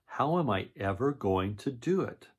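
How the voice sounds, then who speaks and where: A man's voice: mid-range voice, lively intonation, unhurried, breathy edge, highs cut off. An older man with a grandpa voice reading the part of a worried young girl bear in a storybook, plaintive and questioning. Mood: worried wailing.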